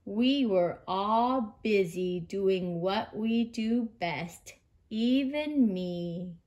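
A woman voicing a lazy, sleepy male sloth in a children's storybook, speaking slowly and drawing out her words. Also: medium pitch, expressive, darkish tone. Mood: drowsy, calm. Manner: slow, drawn-out delivery.

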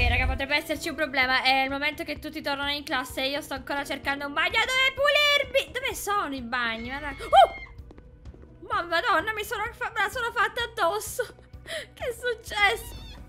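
Bright excitable young Italian-speaking woman gamer. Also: sits high. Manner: chatty, excitable, talks to viewers. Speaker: gaming YouTuber. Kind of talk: let's play commentary. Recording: game music behind.

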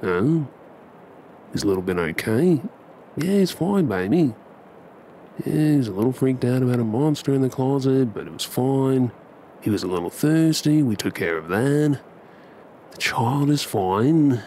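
An Australian man performs an ASMR bedtime roleplay as an affectionate, cheeky young husband and dad, speaking in a coaxing, hushed, unhurried way. His mid-range voice is expressive. Ambient sound effects play behind him, along with a little hiss or hum.

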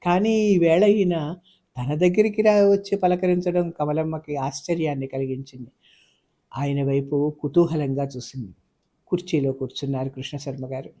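Male audiobook narrator, measured and expressive, mellow tone, slightly high voice.

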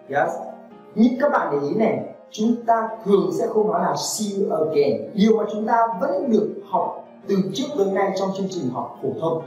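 A woman teaching an online English lesson, patiently repeating model phrases slowly for learners to copy. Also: mid-range voice, a little mellow. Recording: echoey room, mic at a distance, faint music.

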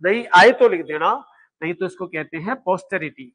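A middle-aged man lectures a classroom in a fairly high-pitched voice. He drills each point over and over and fires rhetorical questions at his students. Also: a little fast, fairly bright tone. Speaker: law exam coaching teacher.

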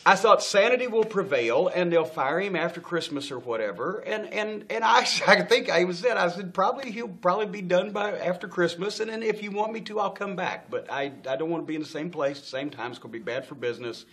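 A middle-aged male guest with a high-pitched, slightly bright voice talks fairly quickly during a studio interview on an indoor set lit by stage lights. Swearing freely and laughing often, he recounts a lengthy backstage tale and performs the voices of those he quotes.

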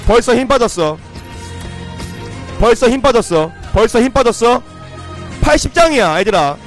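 High-voiced excitable male game streamer. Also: normal speed, faint music behind. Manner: hyped, shouting and laughing at card pulls. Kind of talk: excited live game commentary.

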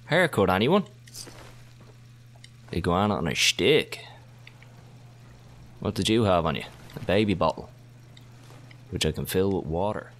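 A man giving casual let's-play commentary as he plays, swearing heavily and breaking into excitable outbursts. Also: sits low, normal speed, pauses often, a little hiss or hum. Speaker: gaming commentator.

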